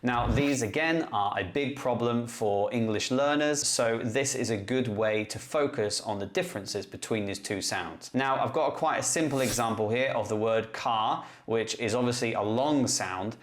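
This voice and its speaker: A man in the role of an English teacher, walking through a tutorial one step at a time. His pitch sits in a middle range, and his delivery is clear and methodical. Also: normal speed, hardly any pauses. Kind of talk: classroom-tech tutorial explanation.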